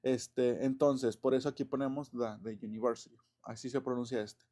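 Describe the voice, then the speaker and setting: An English teacher explains grammar in a loose, chatty way, full of fillers, self-corrections and small chuckles, like a casual classroom explanation. His mid-range voice is steady and warm, at a moderate pace.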